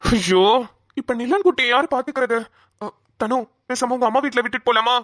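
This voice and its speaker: A woman voicing a hurried young husband in a cartoon, talking in a brisk, teasing way. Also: on the high side, fairly bright tone, no echo, clean studio sound, close to an everyday voice. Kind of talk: cartoon voice acting.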